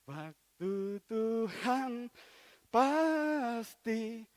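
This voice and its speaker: A man preaching a sermon as a pastor in a church, telling a story with big swings in loudness. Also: very high-pitched, expressive, extremely slow, no room sound.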